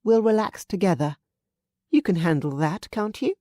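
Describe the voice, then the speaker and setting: A woman's voice: mid-range voice, expressive, moderate pace, dark tone, no echo, clean studio sound, pitched above the performer's own voice, natural voice. A woman narrator voicing a headstrong, playful young woman in a romance audiobook, bold and teasing. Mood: teasing, insistent.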